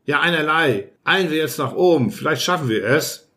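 Guy doing a calm no-fuss spaceman, brisk and unbothered, audiobook voice. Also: a little high, voice pushed up. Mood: matter-of-fact. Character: calm, matter-of-fact man, another self of the hero.

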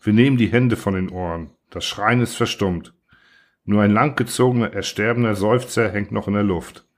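A man reading a literary story aloud in a measured, somber narration. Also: fairly low pitch. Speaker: audiobook reader.

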